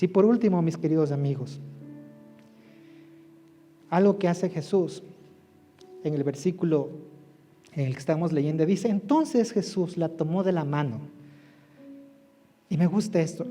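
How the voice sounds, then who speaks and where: Male pastor, high voice, emphatic sermon over faint music, loud then soft. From Ecuador. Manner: emphatic preaching, swinging between loud calls and soft asides.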